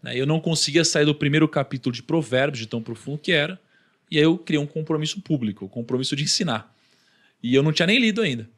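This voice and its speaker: Speaking quickly in a fairly high voice, a Brazilian-accented podcast guest recounts something that happened to him. He is animated, imitating what other people said in the story.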